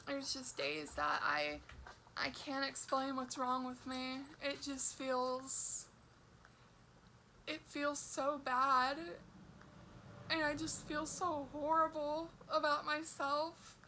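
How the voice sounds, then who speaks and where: Woman, high pitch, halting, downcast, confessional vlog talk, faint background noise. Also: little pitch movement, sharp tone, rough recording. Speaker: vlogger.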